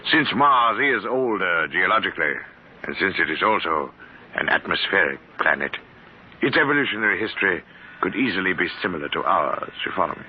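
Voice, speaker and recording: A stiff, precise professor type, very low voice, formal and pedantic; muffled vintage radio with light hiss. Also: male voice, very animated, brisk. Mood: earnest. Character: odd, precise scholarly man seeking Martians. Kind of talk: 1950s radio drama acting.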